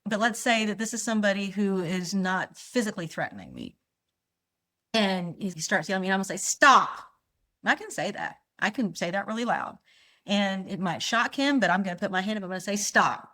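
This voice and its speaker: A woman's voice: mid-range voice, expressive, fast talker, a bit bright. Middle-aged lady doctor on a podcast, talks it through, acts out little back-and-forths. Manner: explains with acted-out example dialogues. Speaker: physician and conflict analyst guest. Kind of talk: conversational podcast interview.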